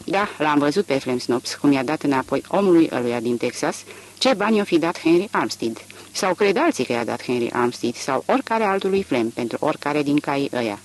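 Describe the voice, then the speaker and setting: A hoarse, growling country brute who answers with blunt defiance, as a male reader plays him. The voice is rough and gravelly, never polite. Each line lands hard and defiant. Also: a little high, expressive, a little hiss or hum, low-quality recording.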